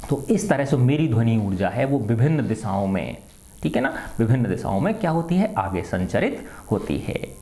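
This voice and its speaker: Over faint background music, a middle-aged man teaches students a science lesson at normal speed, his warm mid-range voice swinging widely in pitch. He asks and answers his own questions and keeps checking for agreement with "है ना".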